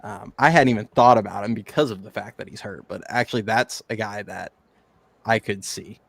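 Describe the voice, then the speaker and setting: A man with a low, gravelly voice chats casually about sports as a podcast co-host. He jokes and laughs easily. The sound is close and dry. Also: fairly bright tone, no room sound. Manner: laughs often, quick joking asides.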